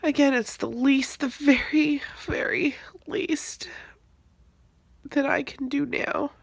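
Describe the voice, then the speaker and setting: A crying, blubbering woman in an emotional confessional monologue, halting and sighing, her voice creaky and breaking into whispers. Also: high-pitched, steady tone, no room sound.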